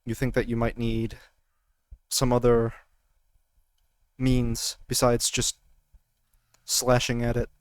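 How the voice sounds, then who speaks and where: A man running a tabletop role-playing game as game master, narrating scenes in a measured way. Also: mid-range voice, monotone, clear, resonant tone, no room sound.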